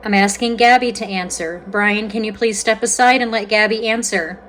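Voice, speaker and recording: A woman hosting a paranormal session, talking casually and conversationally, commenting and putting questions out loud, with pauses to listen. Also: mid-range voice, steady tone, faint music behind. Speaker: host of a paranormal spirit box session.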